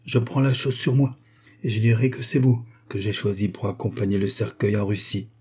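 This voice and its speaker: A man's voice: fairly low pitch, normal speed, darkish tone, husky. A man voicing a kindly, earnest young Orthodox priest.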